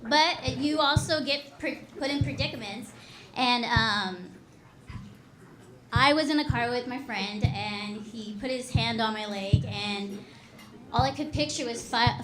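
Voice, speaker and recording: High-voiced woman doing stand-up. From Texas. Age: 30s. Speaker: stand-up comedian. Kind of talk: stand-up comedy set. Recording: echoey live room.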